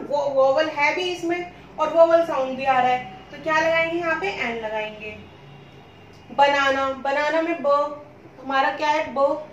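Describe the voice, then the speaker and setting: Bright-voiced woman teaching in an echoey room. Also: sits high, slight background noise. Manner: repetitive questioning, answers her own questions. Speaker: English teacher. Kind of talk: classroom-style lesson explanation. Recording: roomy echo, speaking from a distance.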